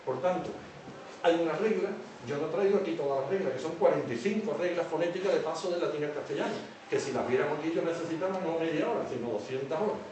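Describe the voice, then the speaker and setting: A man teaching at a public lecture on word origins explains examples and keeps checking in with his listeners. His voice is a little high, quick and a little mellow, recorded from far off in an echoey hall with faint noise.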